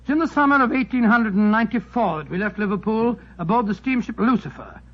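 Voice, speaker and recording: High-voiced, fussy old Doctor Watson. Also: male voice, animated, fast. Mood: reminiscing. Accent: English. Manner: avuncular, hemming, slightly grumbling. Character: genial elderly English doctor, fussy old storyteller. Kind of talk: 1940s radio drama acting. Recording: muffled 1940s radio broadcast, music behind.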